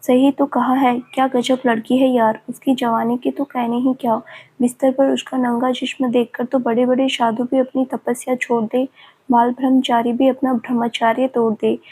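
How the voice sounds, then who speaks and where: A woman's voice: fairly high pitch, level tone, normal speed, warm tone, husky. A woman voicing a taunting, leering male villain who has escaped from an asylum, in her own narrating voice. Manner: mocking and leering.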